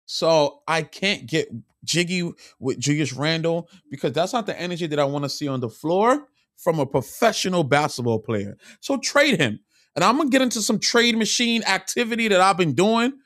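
A man's voice: fairly high pitch, normal speed, no room sound, studio quality. A man giving an opinionated sports rant to camera, frustrated and repeating himself for emphasis. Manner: animated, frustrated, repetitive emphasis. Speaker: sports vlogger.

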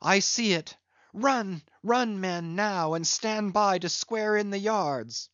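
Man reading as a pleading sea captain, high strained voice, urgent begging, dry dull sound. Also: slow, no room sound. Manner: urgent, begging, rising to high excited calls. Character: grief-stricken pleading sea captain, middle-aged man.

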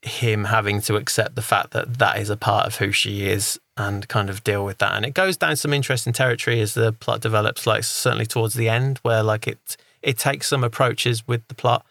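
Man, podcast co-host, rambling casual review, gravelly, dead dry recording. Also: lowish voice, fairly even intonation, brisk, hardly any pauses, fairly bright tone, no echo. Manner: rambling, thinks aloud with fillers. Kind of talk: casual film review chat.

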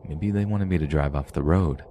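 A man hosting a podcast, reading paranormal stories aloud in a steady, measured storytelling manner. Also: extremely low pitch, a little hiss or hum. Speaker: podcast host.

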